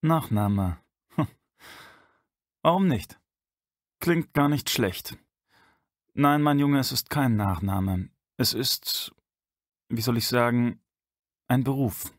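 A man voicing a cryptic, calm hunter with a muscular build and shaven head, speaking tersely and wryly in an audiobook. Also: mid-range voice, slow pace, pauses often, dry recording, studio quality, lightly acted. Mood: guarded, wry. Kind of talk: audiobook character voice.

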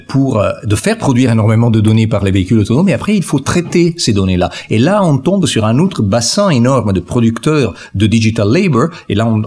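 A man's voice: lowish voice, a little mellow, husky. A man giving an academic lecture to an audience, talking through slides with frequent hesitations and fillers. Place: lecture hall.

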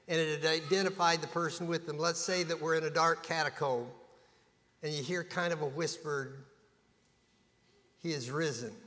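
A man's voice: a little high, bright, forceful tone. A man preaching a sermon in a church, in a folksy, conversational way with touches of humor. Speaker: pastor. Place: church sanctuary. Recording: long reverb of a church hall.

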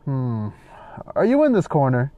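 A man's voice: medium pitch, huge pitch swings, unhurried, no room sound, highs cut off. A man giving casual gameplay commentary, joking and sarcastic as he talks back at the game.

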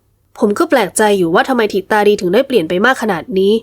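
A woman plays a polite young man in an audiobook who keeps asking puzzled questions. Her voice is lowered a little, and the recording is close and dry. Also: animated, fast, breathy edge, no echo.

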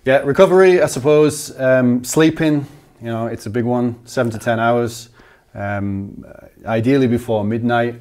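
A man's voice: mid-range voice, unhurried. A man in his thirties, a strength coach, explaining training methodically in an indoor gym. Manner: steady, methodical listing of figures. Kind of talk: instructional explanation.

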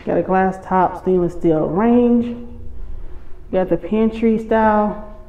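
Breathless, slow-talking woman vlogger. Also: mid-range voice, dark tone, dull audio. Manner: admiring, addressing viewers. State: short of breath. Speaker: vlogger touring a show home. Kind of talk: casual walk-through vlog narration. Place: walking through an empty or staged house and its yard. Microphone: handheld phone held by the person filming. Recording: echoey rooms, light background noise.

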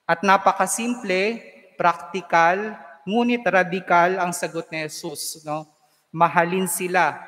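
A priest with a Filipino accent reading the Gospel and preaching in a measured, solemn way, his voice carrying a long church echo. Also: on the high side, pushed and bright. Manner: measured, solemn delivery with conversational asides. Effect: long echo of a large church. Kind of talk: proclaiming the Gospel and preaching a homily. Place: large church.

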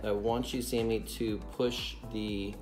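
A lowish, flat male voice moves at a slow pace over background music. The speaker, a pastor in his thirties, teaches children a playful how-to step by step at a home dining table, patiently repeating instructions, with a camera sitting on the table as the mic.

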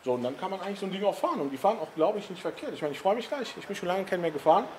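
A man chatting casually about a classic car in his garage vlog, laughing often and tagging sentences with quick questions. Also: high-pitched, animated, a little mellow, slight background noise. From Italian family background. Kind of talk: casual chat.

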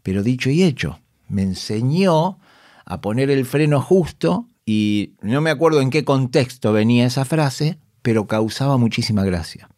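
A male actor and comedian with a Rioplatense Spanish accent tells backstage anecdotes in a casual podcast chat, animatedly acting out his colleagues' voices and laughing often. His voice is mid-range at a moderate pace. The studio-microphone recording is dry and studio quality.

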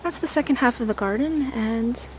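A woman giving a casual walking tour of her backyard garden, relaxed and admiring, thinking aloud with some fillers. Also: fairly high pitch, moderate pace, slight background noise.

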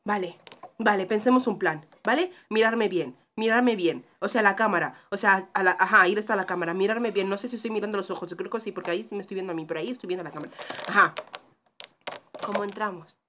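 A woman's voice: medium pitch, fast, pushed and bright. A young woman giving nervous, jumpy commentary as she plays a horror game, talking to herself and shrieking when scared. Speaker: gaming YouTuber.

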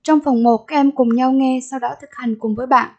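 A woman's voice: sits high, steady tone, fairly quick, dark tone, lo-fi sound. A Vietnamese-accented woman teacher in a recorded English vocabulary lesson, repeating each word and giving its meaning and stress.

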